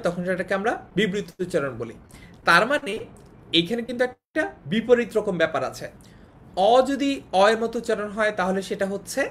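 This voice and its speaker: A woman teaching an online class, explaining patiently, repeating key points and checking that students follow. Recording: faint noise and low rumble.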